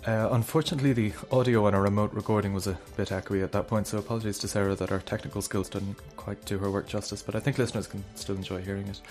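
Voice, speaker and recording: A man's voice: on the low side, steady tone, fast, hardly any pauses, darkish tone, soft background music. A man reading a scripted introduction as a podcast host.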